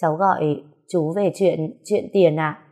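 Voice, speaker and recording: A woman's voice: low voice, steady tone, measured pace. A woman reading a story aloud, voicing a shy, anxious young woman who talks hesitantly. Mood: timid. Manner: hesitant, soft, stammering.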